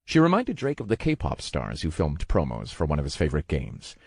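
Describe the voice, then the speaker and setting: Male audiobook narrator, very deep and husky, slow and measured, dry booth sound. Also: huge pitch swings, a little mellow, no room sound. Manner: measured, wry storytelling.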